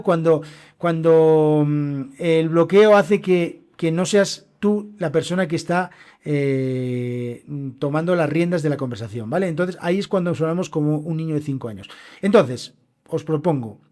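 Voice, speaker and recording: A man's voice: fairly high pitch, darkish tone. A man from hosting a casual solo podcast lesson, chatty and emphatic, often checking in with "¿vale?". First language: Spanish. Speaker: podcast host and Spanish teacher.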